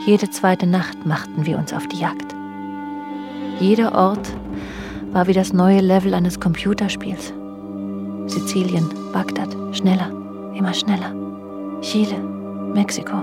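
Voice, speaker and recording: An actress with a steady, mid-range voice near everyday speech speaks unhurriedly and pauses often. As a worldly wife in a German radio drama, she confides in her husband about their restless, jealous marriage, literary, wistful and reflective in intimate narration and dialogue, with music in the background.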